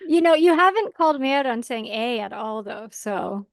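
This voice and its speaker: A Canadian woman co-hosts a podcast in a chatty, easygoing way, often breaking into laughter. Her voice sits a little high, and the recording is dry and close. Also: expressive, normal speed, vocal fry, no echo. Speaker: podcast co-host. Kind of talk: casual podcast chat.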